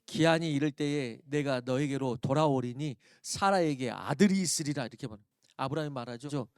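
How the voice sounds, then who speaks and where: A man preaching a sermon as a pastor, reading scripture slowly and rising to loud emphatic peaks before dropping to quiet asides. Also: mid-range voice, no echo, studio quality. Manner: reads scripture slowly aloud.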